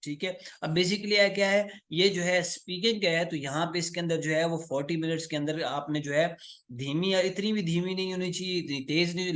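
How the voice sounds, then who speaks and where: A male tutor giving an exam-prep lecture, reading English lines slowly and explaining them with many fillers. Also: a little high, fairly bright tone. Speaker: English test teacher.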